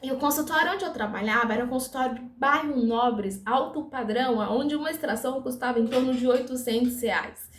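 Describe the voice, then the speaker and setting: Brief: high-voiced woman, lively testimony, echoey room. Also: a little fast. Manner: lively storytelling, acting out dialogue. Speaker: dental assistant giving a testimony. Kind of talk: personal faith testimony.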